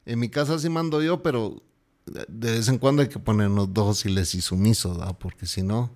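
Blunt, teasing podcast co-host. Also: male voice, on the low side, moderate pace, darkish tone. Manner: blunt, teasing, laughs often. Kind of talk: casual podcast banter.

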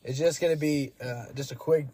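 A man's voice: fairly high pitch, steady tone, brisk, warm tone, slight background noise. A man in his twenties hosting a podcast with friends, joking and slangy in casual chat. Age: 20s. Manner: joking, laid-back, slangy. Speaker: podcast host.

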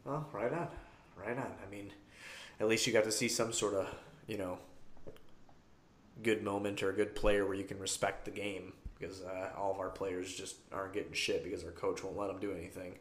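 A man's voice: deep voice, steady tone, fairly quick. A man hosting a sports podcast in casual, rambling, profane chat, tired after drinking, recorded in a bathroom with heavy echo. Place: small tiled bathroom.

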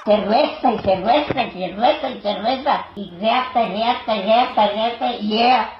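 A woman's voice: a little high, measured pace, voice pushed up, close to an everyday voice. A woman putting on the voice of a rowdy old grandmother, drawn out and chanting. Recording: echoey, dull and noisy.

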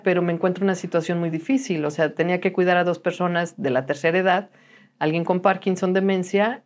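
Animated woman telling stories. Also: lowish voice. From Mexico. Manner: animated storyteller who acts out quoted dialogue. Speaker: guest. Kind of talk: casual interview chat.

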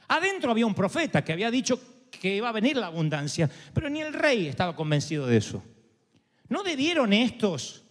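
Pastor, male, high and lively voice, dramatic sermon delivery, echoey hall. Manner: dramatic, full of rhetorical questions.

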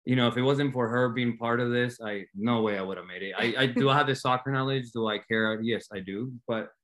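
A man's voice: mid-range voice, a little fast, a bit bright. A man in his thirties from Argentina, a team owner and guest, talking eagerly and earnestly with many restarts. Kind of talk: casual interview talk.

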